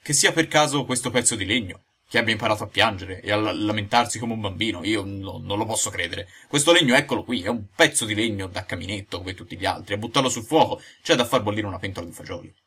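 A stammering old carpenter, jumpy and easily frightened, as a man plays him. His low voice is bright and husky, and it trembles over its words. It is a character in a storybook reading. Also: fairly even intonation, brisk. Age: older. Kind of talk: audiobook character voice.

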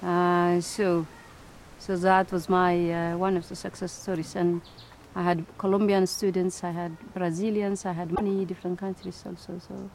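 Woman scientist from Ethiopia, halting. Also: on the low side, little pitch movement, darkish tone, slight background noise. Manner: hesitant, many fillers and restarts. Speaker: interviewee; scientist and institute director. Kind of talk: interview answers.

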